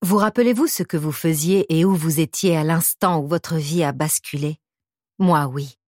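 Low-voiced woman reading an audiobook. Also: moderate pace, a little mellow, no echo, studio quality. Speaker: audiobook narrator. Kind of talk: first-person audiobook narration.

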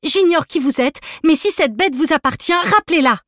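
A fearless, commanding young woman in a storybook, as a woman narrator puts her on, calling out high and loud in a dry, close sound. She gives orders sharply and never backs down. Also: unhurried, no echo. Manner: bold, commanding shouts.

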